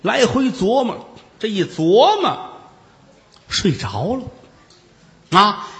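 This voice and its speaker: A man telling a comic ghost story solo, with playful asides and acted-out shouts. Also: high voice, very animated, drawn-out words. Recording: reverberant room.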